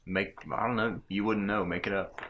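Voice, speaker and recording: A man's voice: lowish voice, fairly even intonation, normal speed, lo-fi sound, a little hiss or hum. A man narrating as game master of a tabletop role-playing game, laid-back and full of fillers.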